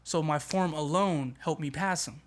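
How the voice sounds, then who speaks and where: Energetic motivational podcast host man. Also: on the high side, moderate pace. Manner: energetic and emphatic, casual slang. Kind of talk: motivational talk.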